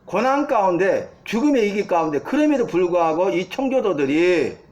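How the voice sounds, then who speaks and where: A man's voice: sits high, sing-song, moderate pace, darkish tone, dull audio. A man preaching a sermon to his congregation, asking them rhetorical questions and building to emphatic peaks. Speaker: pastor.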